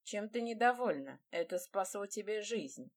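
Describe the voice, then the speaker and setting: A woman voicing a brooding male dark lord who talks in curt, growling lines in an audiobook. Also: medium pitch, expressive, normal speed, lightly acted. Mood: guarded.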